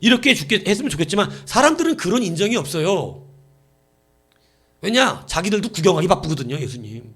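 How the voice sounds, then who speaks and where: A male pastor preaching at a late-night vigil in a church, in a voice pitched a little high with big, lively swings. He presses his point with one rhetorical question after another. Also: brisk, breathy edge. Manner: emphatic, full of rhetorical questions.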